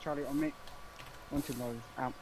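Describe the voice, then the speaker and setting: A man's voice: mid-range voice, steady tone, fairly quick, a little mellow, a little hiss or hum. A man leading a fire team in game voice chat, terse and swearing under pressure.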